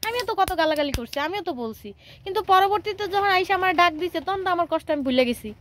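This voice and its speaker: A woman's voice: extremely high pitch, expressive, racing, fairly bright tone. A young mother, patiently explaining things to her young son in casual home chat. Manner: patient, explaining at length in a coaxing tone.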